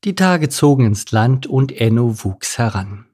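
A man narrating a children's animal story in a lively, playful storybook manner. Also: medium pitch, a little slow.

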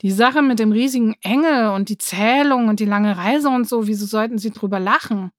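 A woman's voice: on the high side, a little fast, dry recording, studio quality, natural voice. Woman voicing Lulu, an eager curious girl. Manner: eager, outspoken. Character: lively curious young girl.

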